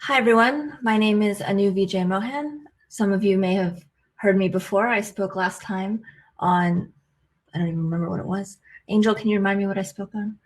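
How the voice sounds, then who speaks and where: A woman in her forties with an American accent, giving a webinar presentation on a video call in a clear, explanatory way. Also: medium pitch, fairly quick. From United States.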